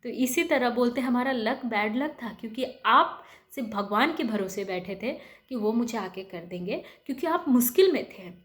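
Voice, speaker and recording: A woman's voice: a little high, animated, moderate pace, hardly any pauses, fairly bright tone. Earnest woman giving a spiritual talk. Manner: earnest, pleading, with rhetorical questions; mixes in English words. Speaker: spiritual speaker.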